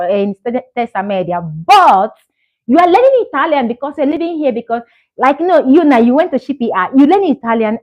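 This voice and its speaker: Her fairly high-pitched voice comes through a muffled recording. A Nigerian vlogger in her thirties, she chats casually and earnestly to camera, repeating points for emphasis and offering encouragement.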